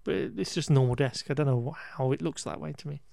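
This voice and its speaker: Here a male podcast host talks quickly in a medium-pitched voice that's creaky and dark, recorded dry. He rambles through a film recap with wry exasperation, restarting often and swearing occasionally in casual chat.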